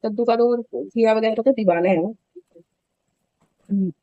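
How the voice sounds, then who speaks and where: A woman's voice: fairly high pitch, moderate pace, dry recording, lo-fi sound. A woman in her thirties chatting casually in a home vlog, telling a story in an indignant, talkative way. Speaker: vlogger.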